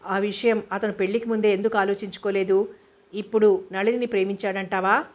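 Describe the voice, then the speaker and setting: A woman narrator voicing a tired, sharp-tongued elder sister in a novel reading. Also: mid-range voice, little pitch movement, a little fast, natural voice.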